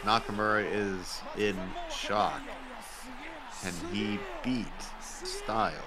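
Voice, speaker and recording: A man's voice: lowish voice, steady tone, slow. A man doing wrestling commentary on a match, explaining the moves and calling the counts. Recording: crowd noise behind the voice.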